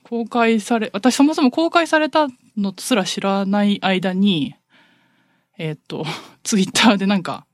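A woman chatting casually as a podcast co-host, telling animated stories and laughing often. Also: mid-range voice, measured pace, no echo, studio quality. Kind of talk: casual chat.

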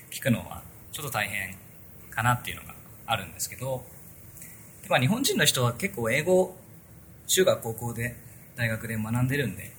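A man's voice: medium pitch, bright, forceful tone, a little hiss or hum. A man hosting a casual tech podcast, chatting loosely through a sponsor spot with many fillers. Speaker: podcast host.

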